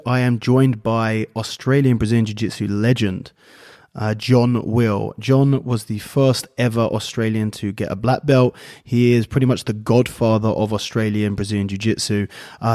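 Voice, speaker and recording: A man hosting a podcast, chatting casually and laughing easily with his guest. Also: fairly low pitch. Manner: relaxed, chatty, with easy laughs. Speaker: podcast host.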